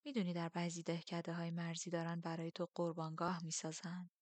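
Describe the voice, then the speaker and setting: A woman voicing a ragged, fanatical male priest who speaks in a hushed, slow, creeping way. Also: lowish voice, level tone, no echo. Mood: hushed menace.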